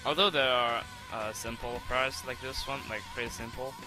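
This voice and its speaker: A young man commenting on his own gameplay replay, excitable and swearing, with lots of stumbling restarts, on a home desk mic. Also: medium pitch, normal speed, over music. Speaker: gaming channel host.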